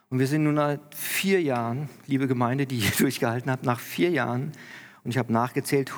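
A pastor preaching to his congregation, explaining scripture in an earnest way and lifting his voice with emphasis when he quotes the text. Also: medium pitch. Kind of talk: sermon. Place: church hall. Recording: long church-hall reverb.

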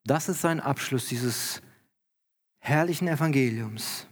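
A man's voice: mid-range voice, unhurried. A pastor preaching to his congregation, explaining scripture in an earnest way and lifting his voice with emphasis when he quotes the text. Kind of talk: sermon. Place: church hall. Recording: long church-hall reverb.

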